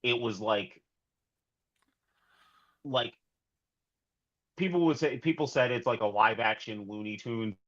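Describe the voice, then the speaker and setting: A man co-hosting a casual film review podcast, enthusiastic and halting with restarts. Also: medium pitch, fairly bright tone, lo-fi sound. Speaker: podcast co-host.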